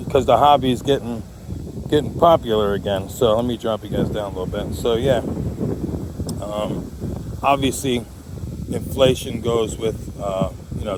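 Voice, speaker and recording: A man's voice: mid-range voice, background noise. A man chatting casually to viewers as a hobbyist vlogger, in a rambling, jokey way. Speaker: amateur radio hobbyist vlogger.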